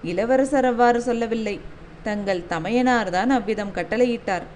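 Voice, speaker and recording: A woman's voice: on the high side, normal speed, a little mellow, slight background noise, lightly acted. A woman reading a humble young warrior messenger. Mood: polite. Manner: deferential, respectful.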